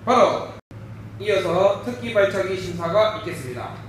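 A man's voice: sits high, animated, normal speed. A man working as a taekwondo instructor, calling out formal commands and counts in a clipped, commanding way. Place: indoor taekwondo training hall. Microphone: distant camera microphone. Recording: echoey hall from far off, faint noise.

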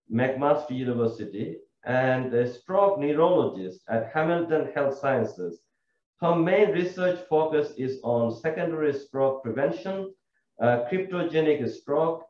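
A man formally introducing a guest speaker, measured and hesitant, with frequent fillers. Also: mid-range voice, a little mellow. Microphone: video call. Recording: roomy, dull video-call audio.

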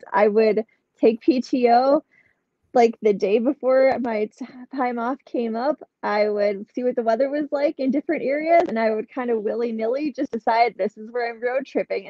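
This middle-aged woman is a podcast guest, chatting upbeat and telling stories over a video call from a room at home, in a casual interview. Her fairly high voice moves at a moderate pace. The webcam audio is dry, dull and lo-fi.

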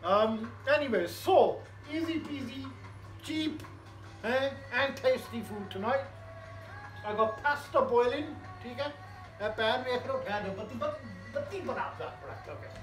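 A man's voice: very high-pitched, moderate pace, fairly bright tone, faint music behind. Echoey Punjabi-accented man chatting in his kitchen. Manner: rambling, jokey, mixing languages. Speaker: home cook vlogger. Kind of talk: casual chatty cooking vlog. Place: small home kitchen, indoors. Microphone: camera at about arm's length to a metre.

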